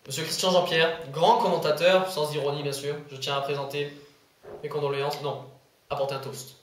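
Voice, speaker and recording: A man's voice: a little high, level tone, a little fast, slight background noise, natural voice. A man playing a self-important TV news anchor in a comedy sketch, who stumbles over words and corrects himself. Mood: pompous. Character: pompous bumbling male TV news anchor. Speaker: news presenter. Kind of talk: amateur comedy sketch acting. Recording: echoey room.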